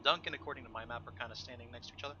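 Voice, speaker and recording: A man running a tabletop role-playing game, describing the scene in a relaxed way with many fillers. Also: medium pitch, rapid-fire, highs cut off, slight background noise. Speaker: game master.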